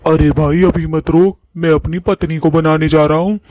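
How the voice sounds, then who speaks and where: A henpecked cartoon ghost husband, as a man voices him, pleading in an unusually high voice. He sounds exasperated with his wife. The recording is dry and close. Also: steady tone, normal speed, darkish tone, no echo, close to an everyday voice. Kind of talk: cartoon voice acting.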